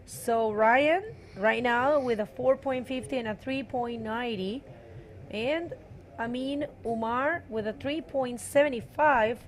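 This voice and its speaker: A woman calling a surf contest live, her voice a little high. She talks casually, pauses often and fills the gaps with ums and uhs. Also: slight background noise. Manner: casual, hesitant, with many fillers. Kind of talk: live sports commentary.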